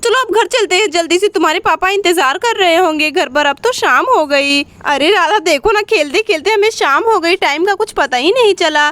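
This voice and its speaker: A doting village mother doll fusses over her child and scolds her gently, as a woman voices her. Her voice is very high and bright. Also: moderate pace, few pauses, no room sound. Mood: fussing. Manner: fussing, affectionate scolding.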